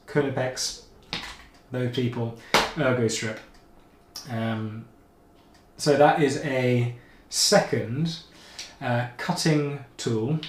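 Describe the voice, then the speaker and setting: Male maker host, casual rambling demo, mid-pitched, recorded in an echoey home kitchen. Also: a little hiss or hum. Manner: rambling, chatty, self-correcting with asides. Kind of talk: casual tool demonstration. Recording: echoey room, faint ambience.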